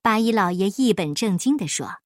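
A woman reading a children's folk story aloud in an expressive, measured way. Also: mid-range voice, no room sound, clean studio sound.

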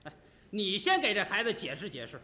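A man's voice: high voice, huge pitch swings, bright, forceful tone, long reverb tail. A man playing the straight man in a crosstalk duo, chiming in with short skeptical retorts. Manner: quick interjections, skeptical teasing. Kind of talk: comic crosstalk on stage.

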